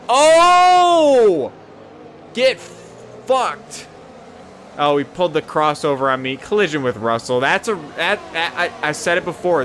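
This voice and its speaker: A young man casually commentating his own racing game session, swearing often and rambling between excited yelps. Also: medium pitch, slight background noise. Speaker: gaming YouTuber.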